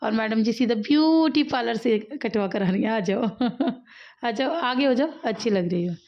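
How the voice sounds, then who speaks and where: Addressing viewers directly as "guys," a chatty mother from India talks casually in her home vlog, recorded indoors on dull lo-fi equipment. Her voice is on the high side and darkish in tone, with lively intonation at a measured pace.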